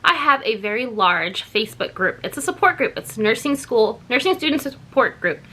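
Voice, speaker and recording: A woman in her thirties talks casually to her vlog viewers about her work as a labor and delivery nurse. Her voice is bright and sits a little high for a woman. She rambles cheerfully, corrects herself often, and sounds tired after a night shift. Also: animated, moderate pace. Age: 30s. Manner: chatty, rambling, self-correcting.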